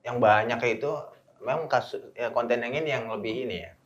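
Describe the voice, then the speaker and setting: Fast-talking man co-host in a roomy space. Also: medium pitch, muffled recording. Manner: quick, constant backchanneling. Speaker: podcast co-host. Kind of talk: casual podcast chat.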